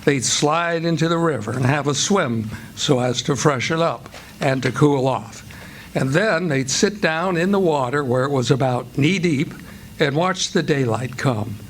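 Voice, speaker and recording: Here a male actor, slightly high-voiced and unhurried, plays the narrator of a radio play, telling a river story in a folksy, descriptive American way. The delivery is lightly acted and sets the scene. There's a little hiss or hum, and music sounds behind him on the live stage.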